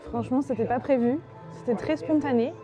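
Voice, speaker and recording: A woman's voice: high voice, fairly quick, muffled recording, over music. A woman narrating a casual travel vlog in a chatty, enthusiastic way, with many fillers. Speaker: travel vlogger.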